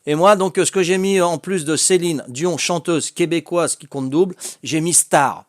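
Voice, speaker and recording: A man with a Corsican French accent hosting a casual family quiz, chatty and quick to laugh as he reads out the answers. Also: a little high, dry recording, studio quality. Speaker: quiz host.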